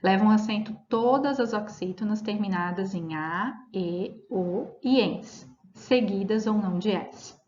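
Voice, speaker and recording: A woman teaching grammar at a middle pitch, patiently walking through rules and example words. Her voice sits in a roomy space, and the recording has a dull, slightly lo-fi edge. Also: darkish tone, a little hiss or hum. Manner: explanatory, checks in with "tá?" and "né?", spells out examples slowly. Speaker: Portuguese teacher.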